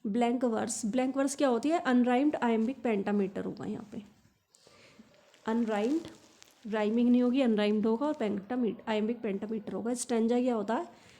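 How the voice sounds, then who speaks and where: An Indian woman teaching for an exam, reading English lines slowly and explaining them quickly in Hindi. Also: fairly high pitch, mellow. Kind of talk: exam-prep lesson.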